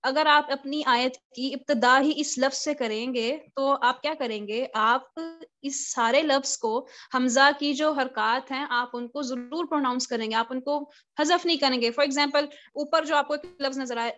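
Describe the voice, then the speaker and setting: A woman's voice: sits high, fairly even intonation, a little slow, fairly bright tone. A woman teaching a live online class on Quran recitation. She explains step by step and often puts questions to her students. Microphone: video call. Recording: lo-fi video call audio.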